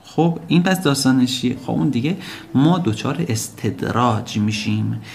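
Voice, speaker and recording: A man's voice: medium pitch, animated, vocal fry, a little mellow, a little hiss or hum. A man preaching a sermon, posing rhetorical questions and pressing his points with rising emphasis. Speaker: religious preacher.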